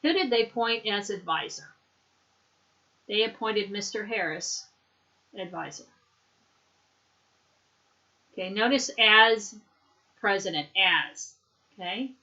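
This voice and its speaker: Woman, English teacher, slow drill pace, bright clear tone, patient explanations. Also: medium pitch, highs cut off. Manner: patient, explains words and pronunciation. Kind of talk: slow classroom drill, repeat after me.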